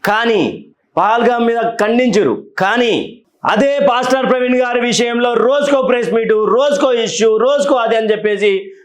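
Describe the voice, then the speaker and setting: A man's voice: very high voice, animated, normal speed. A man giving heated political commentary, scolding and taunting, repeating his questions. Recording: roomy echo.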